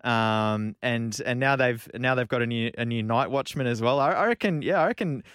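Clear-voiced, hesitant man. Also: medium pitch, moderate pace, fairly bright tone, no room sound, clean studio sound. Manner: hesitant, stammering restarts. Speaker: cricket podcast host. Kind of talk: casual sports chat.

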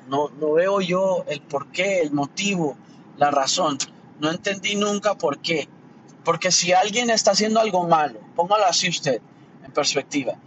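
Man, fairly high voice, rambling and earnest, distant muffled mic outdoors, loud traffic behind. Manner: rambling, repeats words, earnest and indignant. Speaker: commentator sharing opinions. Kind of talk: casual monologue.

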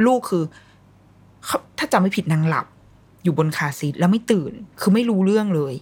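Husky-voiced woman telling a blunt story. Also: on the low side, expressive, brisk, darkish tone. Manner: candid, blunt slang, acts out quoted voices. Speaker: podcast host, mother. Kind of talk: casual storytelling chat.

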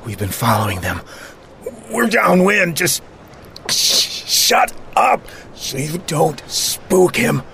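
A man playing a weak, exhausted older boss in an audio drama, halting and faltering, with an annoyed edge. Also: a little high, wildly swooping pitch, creaky, bright, forceful tone, a little hiss or hum, heavily acted. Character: exhausted, freezing older male boss, irritable and fading. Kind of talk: dramatic audio fiction acting.

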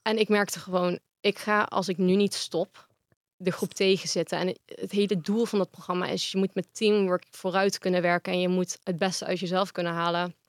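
A woman's voice: fairly low pitch, flat delivery, moderate pace, no room sound, studio quality. A woman guest in a casual interview, speaking frankly and at length.

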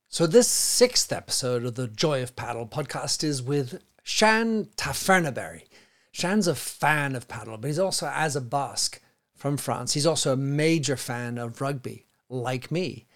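A man hosting a podcast, presenting and interviewing in a chatty way that speaks directly to listeners and guest. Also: medium pitch. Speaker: podcast host.

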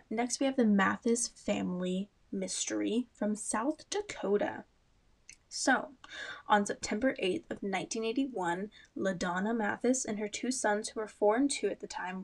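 A woman's voice: mid-range voice, gravelly. A young woman hosting a casual true-crime chat, talking in a loose, rambling way with frequent asides and ums. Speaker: podcast host.

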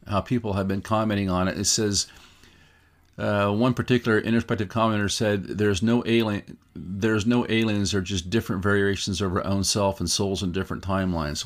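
Low, gravelly male commentator. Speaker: host of a UFO news show. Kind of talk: casual commentary, reading out articles.

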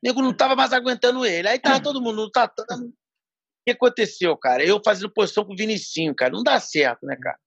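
A high-voiced man tells a story in a slangy, profane, lively way. His voice is husky and sits dry and close, with no room sound. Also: fast talker, dry recording, highs cut off. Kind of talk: casual storytelling.

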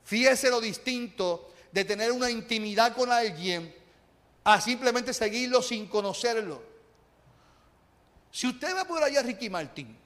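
High-voiced male pastor preaching in a reverberant hall. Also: expressive, measured pace, fairly bright tone. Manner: conversational storytelling with bursts of laughter, rising to emphatic preaching. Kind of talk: sermon.

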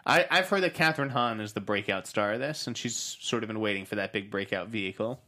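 A man's voice: on the low side, fast talker. A man co-hosting a casual movie review chat, upbeat and steering the topics. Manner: upbeat, leads the topics with a lively, bouncy voice. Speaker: podcast co-host.

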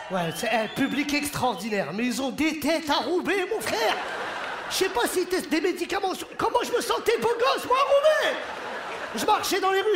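A stand-up comedian, a man, performs an animated, joking routine on a theater stage and puts on voices for the people in his stories. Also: very high voice, background noise. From Morocco. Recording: live show in a hall, audience laughter. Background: audience laughing and cheering.

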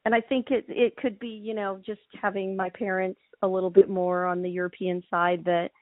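A woman's voice: mid-range voice, fairly quick, no echo. A middle-aged woman from Hawaii talks casually as a winemaker guest, loose and full of ums and restarts. Her voice comes through a thin, phone-like line that sounds dry and close, with no room around it. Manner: relaxed, many ums and restarts. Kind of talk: casual interview chat.

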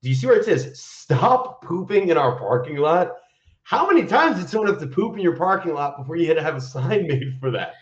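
A man's voice: a little high, sing-song, fast, few pauses, reverberant, lo-fi sound. A man hosting a show with casual, comedic frat-bro banter. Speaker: show host.

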